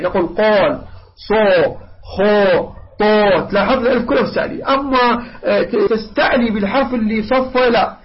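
A man teaching Quran recitation, who patiently draws out and repeats sounds to demonstrate them. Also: very high-pitched. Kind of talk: tajweed lesson. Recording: dull lo-fi recording.

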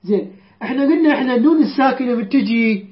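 A man's voice: very high-pitched, animated, quick pace. A man teaches Quran recitation rules, patiently repeating and quizzing his students. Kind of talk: tajweed lesson with call-and-response drills. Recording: roomy, dull lo-fi recording.

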